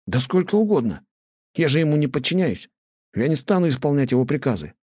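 Man playing a defiant young man, husky, dark tone, heated, dry audiobook sound. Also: on the high side, very animated, brisk, dry recording, pitched above the performer's own voice. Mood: earnest. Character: hot-headed young man, defiant and proud.

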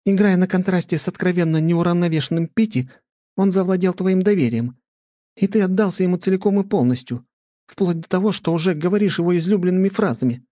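A man putting on a sharp-tongued red-haired girl. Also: high-pitched, a little fast, no room sound, studio quality, pitched above the performer's own voice, close to an everyday voice. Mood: accusing. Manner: mocking, cutting.

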